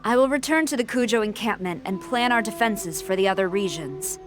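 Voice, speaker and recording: In a video game cutscene, a woman voices a stern, formal female military general, delivering clipped, commanding lines. Her medium-pitched voice is expressive and lightly acted, a little fast, with faint music behind it.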